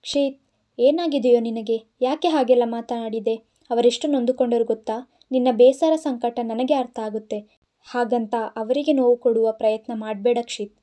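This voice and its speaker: A woman's voice: a little high, fairly even intonation, moderate pace, mellow, natural voice. A woman voicing a young husband, pleading and joking by turns in an audio story. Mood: scolding. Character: young married man, teasing and exasperated husband.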